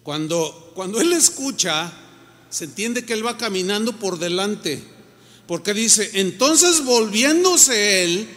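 High-voiced pastor in echoey hall. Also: male voice, slow pace. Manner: animated, acts out quoted reactions. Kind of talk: sermon. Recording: long reverb of a large hall.

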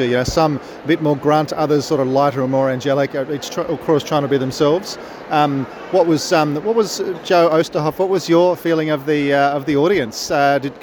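Australian man interviewing over clear background noise. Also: on the high side. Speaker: podcast host and interviewer. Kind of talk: casual on-the-spot event interview. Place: busy convention venue. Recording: noisy location recording, busy venue ambience.

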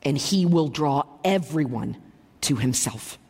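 A woman preaching a sermon, explaining scripture with emphatic, teaching delivery and a husky voice. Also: deep voice, lively intonation, measured pace, darkish tone, long reverb tail.

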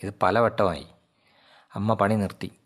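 Low-voiced male storyteller, slow and measured. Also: fairly even intonation, a bit bright. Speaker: narrator. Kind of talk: storytelling narration.

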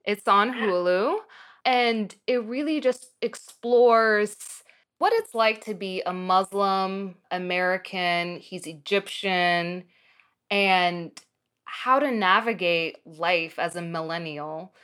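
Woman from morocco, radio interview guest, slow unhurried delivery, smooth clear voice. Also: mid-range voice, a bit bright. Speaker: film teacher.

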